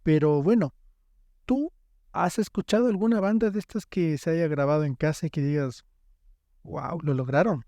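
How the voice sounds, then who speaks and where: A man's voice: on the high side, moderate pace, warm tone, no room sound, studio quality. A man from Ecuador hosting a podcast interview, prompting his guest with questions and short agreeing interjections. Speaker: podcast host.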